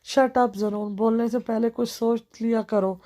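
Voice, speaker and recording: A woman's voice: fairly high pitch, steady tone, warm tone, natural voice. A woman voicing a playful young wife who teases her stern husband in a cheeky, mocking way. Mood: teasing.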